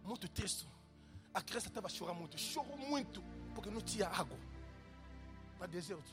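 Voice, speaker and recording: A man preaching, swinging between shouted calls and quiet storytelling, with an interpreter following. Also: sits high, animated, normal speed, faint music behind. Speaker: visiting prophet preaching. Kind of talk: sermon with interpreter.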